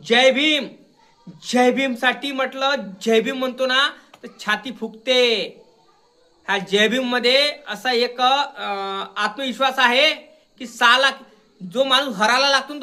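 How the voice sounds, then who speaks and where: A young man rants straight at his listener in a combative voice. His voice is strikingly high and piercingly bright. He keeps hammering his point and demanding that the listener understand him. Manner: combative, repeatedly demanding "got it?". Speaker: social media commentator. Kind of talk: confrontational video rant.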